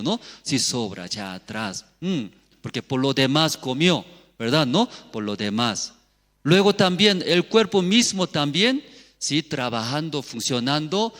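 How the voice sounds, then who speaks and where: A male pastor whose first language is Korean delivers a sermon in short, broken phrases, constantly checking in with his listeners through rhetorical questions. His pitch rises and falls widely while the pace stays slow and unhurried. The voice rings out through a church hall with a long reverb tail. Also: fairly bright tone.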